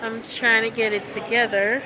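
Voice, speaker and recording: Holding the phone at arm's length, a young vlogger with a stuffy nose from a cold chats casually with fans on a live stream, relaxed and laughing, with plenty of fillers. Her voice is on the high side at a moderate pace, with a crowd behind her in a rough recording.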